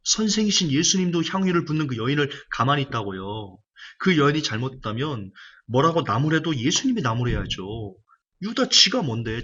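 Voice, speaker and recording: A male pastor delivers an emphatic sermon in a husky, slightly breathy voice, hammering home key lines through repetition. The recording is dull and lo-fi. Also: medium pitch, a bit bright. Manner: emphatic preaching, repeats key phrases.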